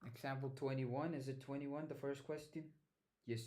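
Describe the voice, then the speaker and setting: A man's voice: medium pitch, steady tone, moderate pace, warm tone, slight background noise. A young man streaming himself studying, thinking aloud and mumbling to himself as he works. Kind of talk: muttering while studying on stream.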